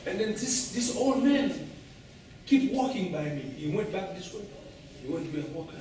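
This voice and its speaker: A man with a Haitian accent, telling stories to a club audience in an animated way and laughing often. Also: high-pitched, moderate pace. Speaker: guest speaker. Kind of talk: storytelling talk to a club audience. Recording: echoey room, distant mic.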